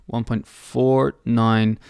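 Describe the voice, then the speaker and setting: Reading chat questions aloud on a headset mic, a young London-born man hosts a live trading stream from a small room and answers offhandedly. His mid-range voice barely moves in pitch and comes out very slowly, creaky and darkish yet clear and resonant. The recording is studio quality with no echo.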